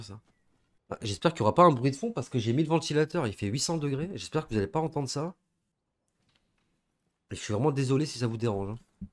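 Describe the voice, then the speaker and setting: A young man from southern France giving casual, slangy reaction commentary with excitable, laughing asides. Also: mid-range voice. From southern France, Gard area. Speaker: reaction video host.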